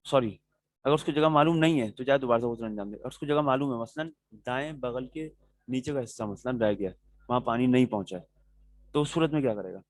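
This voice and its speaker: Patient and methodical, a male teacher leads a class on religious rulings, explaining step by step and checking in with "okay" to make sure students follow. He answers their questions directly in a voice of ordinary pitch. The recording is dry and close, with no room echo.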